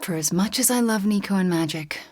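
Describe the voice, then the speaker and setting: An actress playing a powerful, guilt-haunted young witch superheroine in a video game, guarded yet tender, with a breathy, husky, measured delivery that often becomes hushed. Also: mid-range voice, dry recording, studio quality, natural voice. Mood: conversational, earnest. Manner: measured, intimate, often dropping to a hushed near-whisper. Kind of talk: video game character voice lines.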